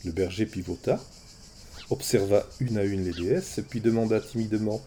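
A man narrating a storybook in an expressive, animated way. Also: on the low side, normal speed, slight background noise. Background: faint music.

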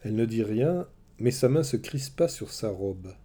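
A man narrating a storybook tale of an ancient myth in a measured, expressive way. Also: on the low side, slightly rough.

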